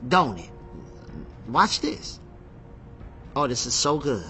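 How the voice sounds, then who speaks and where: A man teaching from the Bible in an excitable, emphatic way, repeating phrases and reading scripture aloud while seated. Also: mid-range voice, slow, soft background music. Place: seated in a chair.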